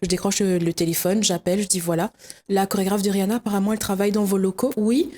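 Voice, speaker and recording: A woman's voice: mid-range voice, fast. Young woman, telling her story on a talk show, acts out every voice. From Réunion. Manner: lively storyteller acting out dialogue. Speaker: guest.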